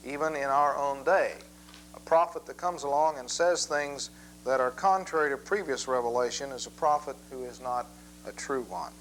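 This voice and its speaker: Measured man teaching a Bible lesson. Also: on the high side, fairly bright tone, a little hiss or hum, low-quality recording. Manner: measured, methodical, reads scripture aloud.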